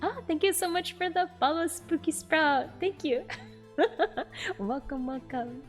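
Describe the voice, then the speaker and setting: Female game streamer, slightly high voice, slow easy pace, giggly and playful live chat. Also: soft background music.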